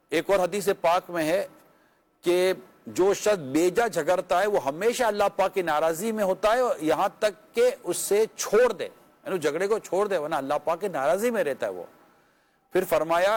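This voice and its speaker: A religious scholar with a Pakistani Urdu accent answers a question on marriage in an earnest, conversational way. His voice sits a little high for a man. He mixes pious formulas with pointed rhetorical questions. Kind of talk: religious advice talk.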